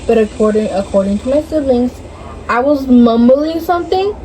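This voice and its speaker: A young woman with a fairly high, mellow voice recounts a dream in casual storytime chat. She sounds hazy and puzzled, often losing her thread, searching for words and swearing freely. There is some background noise in the room. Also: normal speed, poor audio. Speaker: vlogger telling a story.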